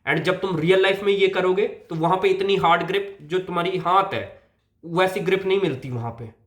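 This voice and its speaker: A man's voice: high voice, a little fast, a bit bright. A young man from India giving blunt, casual advice straight to the viewer, mixing English into his talk. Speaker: men's health creator. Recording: roomy echo.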